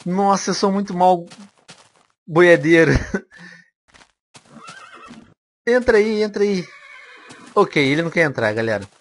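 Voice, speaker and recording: A young man with a Brazilian accent commentating a game he is playing, animated and quick to squeal and laugh. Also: on the high side. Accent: Brazilian Portuguese. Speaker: gaming video host.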